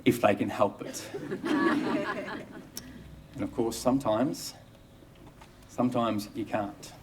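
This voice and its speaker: A man's voice: lowish voice, fairly even intonation, slow, distant mic, background noise. An Australian man, an obstetrician, telling a first-person story with wry, dry humour.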